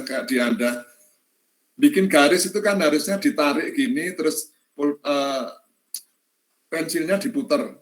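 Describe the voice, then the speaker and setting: Older man, casual anecdote, slightly high voice, echoey room. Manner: lively, acts out the dialogue of the people in his story. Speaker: storyteller.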